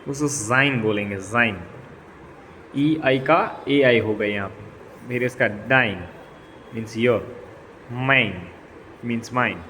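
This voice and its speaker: A man explaining his beginner language notes in a relaxed, halting way, thinking aloud with fillers. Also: medium pitch, long reverb tail, a little hiss or hum. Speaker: language learner sharing notes. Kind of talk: casual vlog explaining notes.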